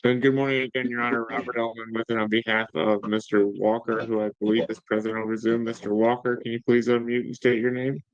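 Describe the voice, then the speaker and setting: A man's voice: mid-range voice, monotone, fast, hardly any pauses, no echo, highs cut off. A man speaking as a defense attorney, formally addressing the judge in a courtroom recording.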